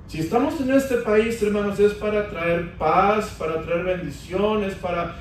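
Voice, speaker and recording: A man's voice: sits high, a little slow, slight background noise. A man preaching a sermon as pastor, rising into emphatic stretches as he calls on the congregation. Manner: preaching with emphatic rises, addressing the congregation as brothers. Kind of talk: Spanish-language sermon. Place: large church hall. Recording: echoey church hall from a distance.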